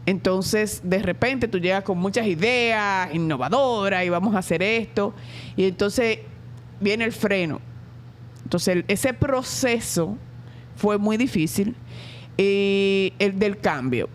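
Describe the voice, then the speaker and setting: A middle-aged Dominican woman, a school director, talks through her answers with frequent pauses and filler sounds. Her voice sits in an ordinary middle pitch. Faint noise runs under the recording. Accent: Dominican Spanish. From Dominican Republic. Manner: reflective, many hesitations. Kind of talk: interview answers.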